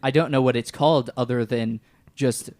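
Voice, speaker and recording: A man's voice: medium pitch, fairly even intonation, moderate pace, a little mellow. A man co-hosting a movie podcast in casual chat, with dry, wry humor. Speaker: podcast co-host.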